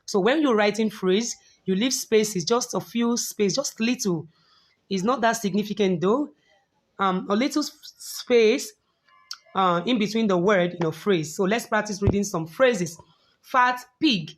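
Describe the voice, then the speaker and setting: A young woman, teaching a slow, patient phonics lesson to young children and repeating words for them to copy. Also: medium pitch.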